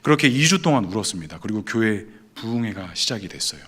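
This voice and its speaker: A man's voice: fairly low pitch, big pitch swings, fast, a bit bright, breathy edge. A male pastor giving a sermon testimony, acting out his own past prayers and thoughts as he tells the story.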